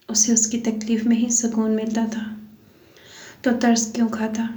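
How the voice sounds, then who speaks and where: A woman narrating a romantic novel aloud with an even, steady delivery. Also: fairly high pitch. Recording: echoey room.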